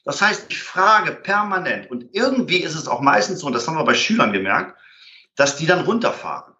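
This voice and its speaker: Male interview guest, fairly high voice, explanatory, filler-heavy, echoey lo-fi recording. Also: big pitch swings, fairly quick, sharp tone. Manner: explains with many fillers and acted-out example dialogues. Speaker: guest expert on conflict resolution. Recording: roomy, dull lo-fi sound.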